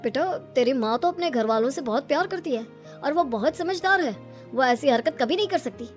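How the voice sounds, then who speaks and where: A woman's voice: high-pitched, expressive, moderate pace. A woman voicing cartoon dialogue in a plain, firm way. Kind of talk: cartoon voice acting. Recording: light background music.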